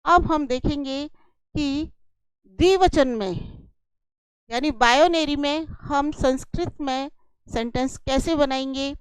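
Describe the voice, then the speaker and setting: A woman teaching a Sanskrit lesson in a slow, deliberate way, patiently repeating each example and explaining it. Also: sits high, no room sound, poor audio.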